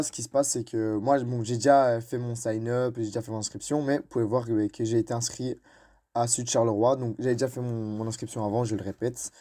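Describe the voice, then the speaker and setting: Hesitant young man, mellow voice. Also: mid-range voice. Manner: hesitant, many fillers and restarts. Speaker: YouTuber. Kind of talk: screen-recorded tutorial narration.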